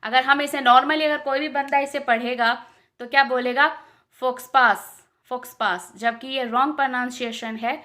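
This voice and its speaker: Bright high-voiced Indian woman teaching. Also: steady tone. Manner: repeats each word slowly several times. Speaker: English pronunciation teacher. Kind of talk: casual spoken lesson.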